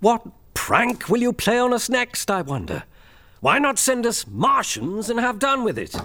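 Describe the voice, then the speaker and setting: A man's voice: very high-pitched, huge pitch swings, unhurried, pushed and bright, dry recording, full character voice. An actor plays a pious village man who prays and makes wry, sardonic remarks. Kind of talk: radio drama acting.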